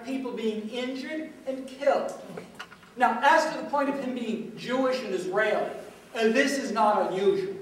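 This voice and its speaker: An actor on stage playing a self-assured male media analyst who explains news footage step by step, often pausing on uh. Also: high voice, slight background noise. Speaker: stage actor in a multimedia play. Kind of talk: stage play dialogue. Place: theatre stage. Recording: echoey stage recorded from far off.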